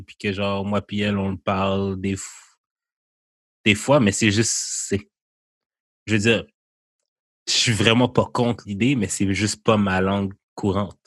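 A young man with a Québécois French accent in a casual chat, lively and laughing, slipping English phrases into his French. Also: lowish voice, no room sound, studio quality.

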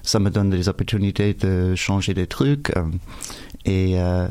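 A man from the United States, a native English speaker, answering interview questions in halting French with an American accent. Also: deep voice, steady tone, a little mellow, smooth. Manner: halting, searching for words in imperfect French. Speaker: interview guest, circus performer.

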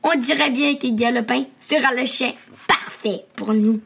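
A woman's voice: on the high side, unhurried, vocal fry, a bit bright, breathy edge, full character voice. A woman doing an eager little girl. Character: young girl, eager puppy owner.

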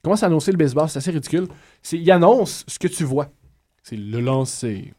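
A man giving a joking radio column, talking fast and animated. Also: on the high side. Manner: quick, animated, joking, often laughing. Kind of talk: comic radio chat.

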